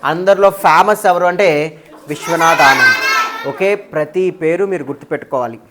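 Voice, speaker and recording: A woman's voice: deep voice, a little fast, very noisy. A woman teacher taking a live class of students through an exam paper. She mixes in English terms and keeps checking with them.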